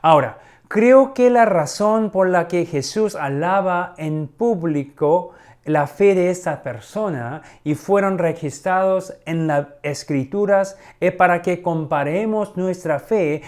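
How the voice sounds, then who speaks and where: A middle-aged man delivers a sermon with a higher voice than most men. He speaks slowly and deliberately, pausing on rhetorical questions as he explains the scripture. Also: a little mellow. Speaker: pastor.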